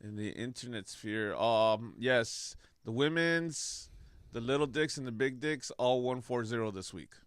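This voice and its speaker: A man with a mid-range voice co-hosts a casual football chat, relaxed and loose with slang and swearing. His voice sits close to the mic in a dry, dead sound. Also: medium pitch, normal speed, few pauses, clear, resonant tone, dry recording. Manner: laid-back, crude slang and swearing. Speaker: podcast co-host.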